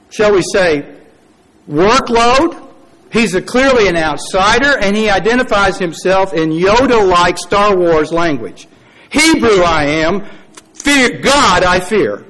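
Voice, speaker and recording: A man preaching a sermon, telling a story with dramatic pauses, acted quotes and wry, folksy asides. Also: high-pitched, a bit bright, rough recording.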